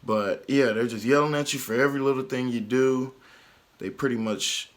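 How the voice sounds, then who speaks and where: A young vlogger from Texas, USA, rambles through a casual story for his audience, packing his sentences with "like." His voice is medium-pitched and steady, at a normal speed.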